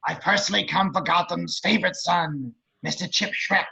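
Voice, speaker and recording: The Penguin, high gravelly sneering villain. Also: male voice, sharp tone, heavily acted, poor audio. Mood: menacing. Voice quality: gravelly, raspy. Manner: sneering, drawn-out taunts. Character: Penguin, sneering vengeful male villain, crude and theatrical. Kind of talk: amateur table read of a film script.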